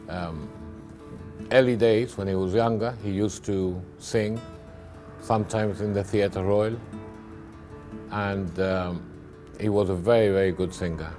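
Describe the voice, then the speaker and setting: In a documentary interview, a middle-aged man with a low voice and dark tone recalls his family business, halting and repeating words as he goes.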